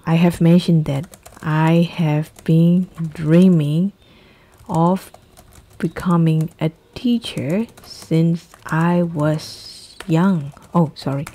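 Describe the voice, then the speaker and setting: A woman in her thirties from Myanmar, with a Burmese accent and a lowish, warm voice, teaches an English exam lesson. She repeats key phrases slowly so the class can copy them.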